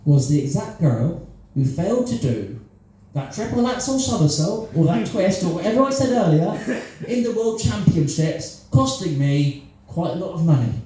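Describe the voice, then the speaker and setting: Brief: Cornish male improviser, mellow dark voice, self-mocking, in a very echoey live room. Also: high voice, big pitch swings, moderate pace. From Cornwall. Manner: self-deprecating, chuckles at his own jokes. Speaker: improv comedian. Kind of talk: solo improvised stand-up storytelling. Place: small live comedy venue with audience.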